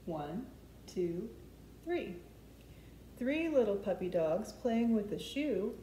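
With a mid-range, dark-toned voice that swings widely in pitch, this middle-aged woman speaks slowly as she leads small children through rhymes, counting and simple step-by-step prompts at a preschool storytime. The recording comes from a camera mic a few feet off in an echoey open living room and kitchen at home, with faint background noise.

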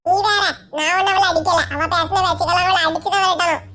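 A woman's voice: very high voice, fairly even intonation, fast talker, sharp tone, voice pushed down. A woman playing a bossy young husband. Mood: taunting. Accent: Kanyakumari Tamil. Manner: bossy, taunting. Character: hot-tempered young husband.

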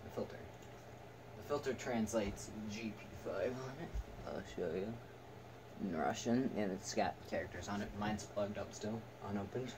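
Young dude doing a halting casual review, far from mic, noisy background. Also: male voice, fairly low pitch. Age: teens to young adult. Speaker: video reviewer. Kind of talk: casual, unscripted product review. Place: small attic room indoors. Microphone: camera a few metres away. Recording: distant camera mic, noisy room.

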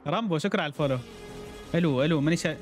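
With music playing in the background, a gaming streamer delivers casual commentary at a rapid-fire pace in a fairly high voice. He chats, reacts aloud and calls out viewers by name.

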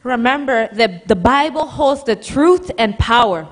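A young woman from Honduras, preaching in a church hall and pausing after each phrase for an interpreter, speaking into a handheld microphone. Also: on the high side, expressive. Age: young adult. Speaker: guest preacher. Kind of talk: sermon with live interpretation.

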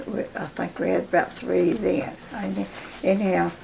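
Really old appalachian lady in her 90s, super creaky voice, rambling folksy storytelling, bit of room noise. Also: fairly low pitch, flat delivery, dark tone, rough recording. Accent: Southern Appalachian. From Appalachia, southern United States. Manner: halting, folksy storytelling with repeated words. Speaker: interviewee telling life story. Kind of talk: casual reminiscing. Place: home living room, indoors. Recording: faint background room noise.

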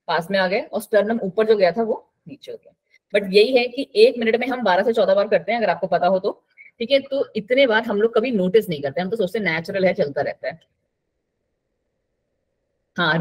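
A woman teaching a live online biology class, chatty and coaxing, mixing English terms into her talk. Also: mid-range voice.

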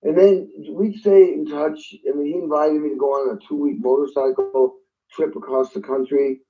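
A man's voice: fairly high pitch, steady tone, moderate pace, phone-quality sound. A man, a guest drummer, telling a story in an interview and acting out phone calls in different voices.

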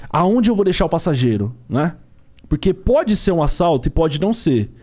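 A man's voice: fairly high pitch, big pitch swings, moderate pace, darkish tone. A young man, a ride-share driver telling a story as a podcast guest, full of slang and acted-out dialogue. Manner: slangy and street-talking, acts out dialogue.

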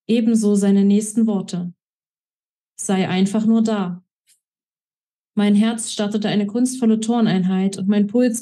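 A woman author reading aloud from her own novel in expressive first-person narration. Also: medium pitch.

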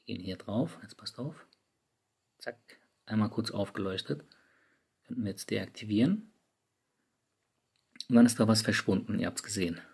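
Gravelly-voiced man explaining phone settings. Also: lowish voice, normal speed, long pauses, darkish tone. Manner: casual, chatty, addresses viewers directly. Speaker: tech YouTuber. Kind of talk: screen-recorded app tutorial. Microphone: studio microphone.

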